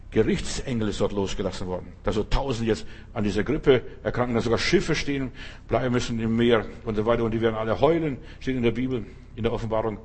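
A man's voice: mid-range voice, breathy edge. A man preaching a sermon in short, repetitive phrases, often turning to the listener with direct questions. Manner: addresses the listener directly with repeated rhetorical questions.

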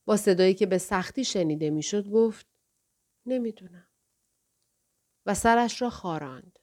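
A woman reads a novel aloud in a measured, steady storytelling voice. Her pitch sits in the middle range. The delivery is an even, scripted audiobook narration.

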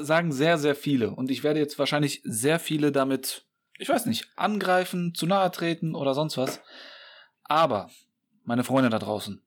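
A man, co-hosting a casual podcast and playfully mock-lecturing. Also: fairly high pitch. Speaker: podcast co-host.

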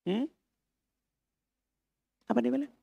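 A man's voice: very high-pitched, takes it slowly, creaky, slightly rough, dry recording, lo-fi sound. A man teaching an Arabic grammar class at a mosque, repeating terms, translating them and quizzing his students. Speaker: Islamic religious teacher.

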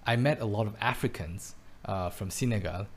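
A man with a fairly low voice talks at normal speed, with a slight hiss or hum in the recording. Raised in Belgium and living in Taiwan, he chats casually at home, hesitantly stumbling through restarts and repeated words.

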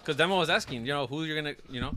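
Man, casual podcast guest, animated storyteller, faint hiss and clicks under the voice. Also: a little high, rapid-fire. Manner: excited storytelling, quotes himself, laughs often. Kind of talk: casual chat among friends.

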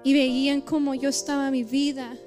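A woman gives an emotional church testimony, heartfelt and halting, repeating her phrases. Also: sits high, little pitch movement, darkish tone, faint music behind. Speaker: church member giving testimony.

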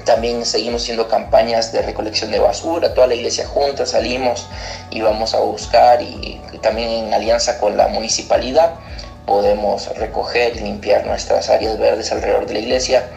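Speaking at a normal speed in a lowish, level voice with vocal fry and a darkish tone, a thirties-aged pastor describes his work in an interview answer. He was born in Argentina and grew up in Costa Rica. Music runs beneath the recording, made in an echoey room.

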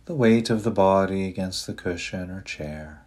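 This is a deep-voiced man leading a meditation session. He speaks softly and breathily, taking his time with gentle directions and leaving long pauses.

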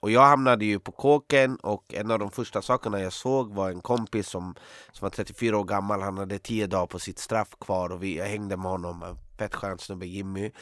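A man's voice: lowish voice, fairly even intonation, fairly bright tone, no echo. A man talking as a guest, telling a long story in a rambling way with many fillers and restarts. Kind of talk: casual storytelling in a podcast conversation. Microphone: close studio mic.

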